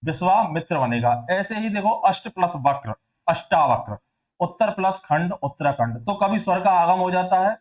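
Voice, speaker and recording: A male teacher going through test answers, asking questions and answering them himself, and repeating sounds to show how they are said. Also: high voice. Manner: repeats sounds and words to demonstrate pronunciation. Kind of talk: exam answer walkthrough lesson.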